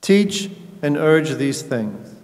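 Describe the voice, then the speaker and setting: A middle-aged man, a priest, reading scripture aloud in a slow, measured, solemn way at a lectern in a large church. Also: on the high side, very animated, creaky, a little mellow. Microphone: lectern microphone. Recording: long church reverb.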